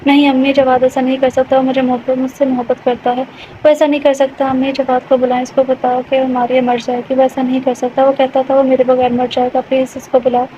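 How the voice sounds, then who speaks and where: Desperate young bride, trembling and pleading, read by a woman in a high, flat voice; lo-fi, faint hiss. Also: lightly acted. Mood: distraught.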